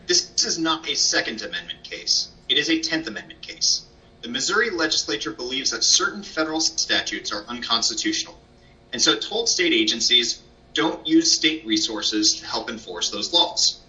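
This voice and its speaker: A man's voice: fairly high pitch, sharp tone. A man speaking as an appellate lawyer, delivering a formal, structured oral argument. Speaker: lawyer, state solicitor general arguing an appeal. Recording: dull, distant microphone pickup.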